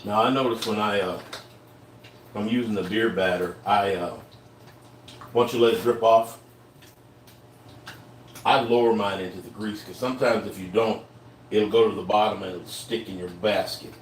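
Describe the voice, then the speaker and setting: A man's voice: on the low side, fairly even intonation, normal speed, long pauses, echoey room, far from the mic, rough recording. Casual male outdoor cook, folksy, live-stream chat, faint background noise. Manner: folksy, tastes food while talking. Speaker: outdoor cooking livestreamer. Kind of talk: casual cooking livestream.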